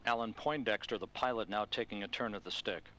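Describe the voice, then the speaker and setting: A man giving measured, factual live commentary as a mission announcer, in telegraphic phrases. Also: lowish voice, bright, forceful tone.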